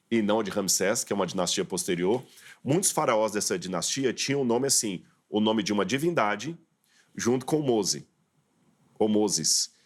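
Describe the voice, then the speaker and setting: A man, a guest professor on a studio talk show, explaining terms step by step in an interview. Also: fairly low pitch.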